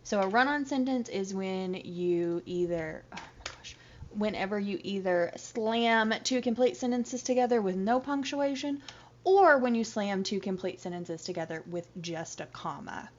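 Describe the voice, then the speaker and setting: A woman's voice: mid-range voice, expressive, unhurried, darkish tone. Woman teacher, chatty recorded lecture, muffled lo-fi audio. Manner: chatty, explains step by step with examples. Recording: dull lo-fi audio.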